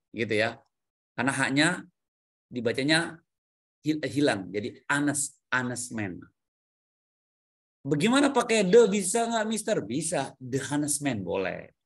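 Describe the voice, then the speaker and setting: A man's voice: medium pitch, fairly bright tone. A man teaching an English grammar lesson to adult learners over a video call, coaxing answers, repeating them back and mixing English words into his explanations. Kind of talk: online class teaching.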